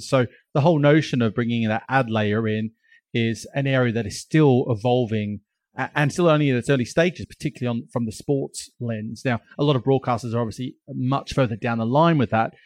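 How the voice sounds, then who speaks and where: A man's voice: medium pitch, darkish tone, dry recording. Male co-host, considered delivery full of restarts, dry close sound. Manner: thoughtful, with frequent restarts. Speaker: podcast co-host, chief executive. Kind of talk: casual podcast chat.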